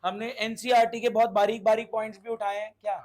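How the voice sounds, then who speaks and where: A man's voice: sits high, flat delivery, darkish tone. A man teaching a commerce class, quizzing and scolding his students as he explains. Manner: brisk, scolding, asks the class questions. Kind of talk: classroom lecture.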